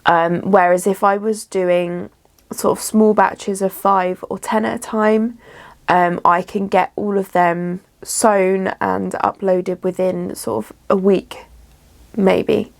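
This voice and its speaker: This small business vlogger talks to camera from her home studio in a casual, chatty way, full of easy ums and restarts. Her mid-pitched voice is level, slightly gravelly and creaky, and she takes her time. She sounds a little bunged up from a runny nose.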